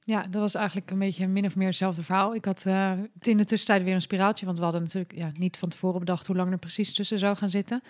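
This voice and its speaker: A woman's voice: mid-range voice, flat delivery, fast, few pauses. Candid, hesitant woman sharing a story. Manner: hesitant, with frequent filler sounds and restarts; candid, laughs easily. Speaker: podcast guest. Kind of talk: casual personal storytelling in an interview.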